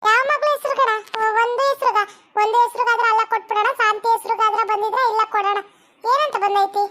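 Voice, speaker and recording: A woman's voice: extremely high pitch, steady tone, fast talker, bright, forceful tone. A woman voicing a fussy older village mother who scolds and nags, in a comedy sketch. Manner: scolding, nagging.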